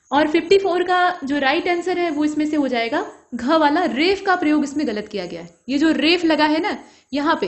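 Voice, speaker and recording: A woman teaching an exam-prep grammar lesson, explaining each answer step by step and putting questions to the viewer. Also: high voice.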